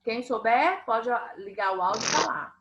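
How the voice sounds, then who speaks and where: A woman's voice: fairly high pitch, animated, normal speed, highs cut off, noisy background. A woman teaching a primary school class online, patiently explaining and often checking that the children follow. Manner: patient, asks frequent check-in questions.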